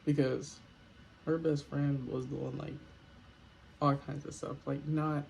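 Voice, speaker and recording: A young man chats through a storytime vlog in a relaxed, slangy manner, cracking jokes as he goes. His voice sits a touch high with a gravelly edge. A faint hiss hangs under the recording. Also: takes it slowly, poor audio. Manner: laid-back slangy storytelling with joking asides. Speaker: vlogger.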